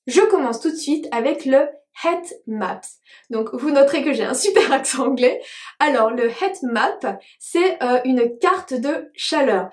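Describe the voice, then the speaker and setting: High-voiced woman teaching in an echoey room. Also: darkish tone. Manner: chatty, frequent hesitations with "euh". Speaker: digital marketing trainer. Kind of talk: tutorial explanation to camera.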